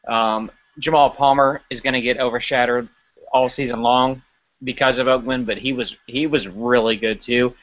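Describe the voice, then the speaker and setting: A man co-hosting a sports podcast, breaking down a football game in casual, animated talk with frequent restarts. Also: medium pitch, normal speed, highs cut off. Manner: animated, stumbling restarts while analyzing. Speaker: podcast co-host.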